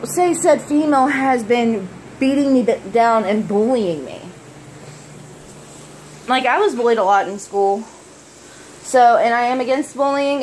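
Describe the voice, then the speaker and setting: High-voiced preppy American woman vlogging. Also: a little mellow, poor audio. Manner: preppy-sounding, blunt, sweary. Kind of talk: casual personal vlog talk. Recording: faint background noise.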